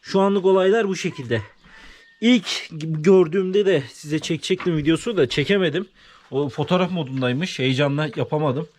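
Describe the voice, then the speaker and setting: A man vlogging from his farm, talking casually and soothing animals with quiet, repeated hushes. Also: on the high side, normal speed. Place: farm in a rural village, outdoors. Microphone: body-worn camera mic.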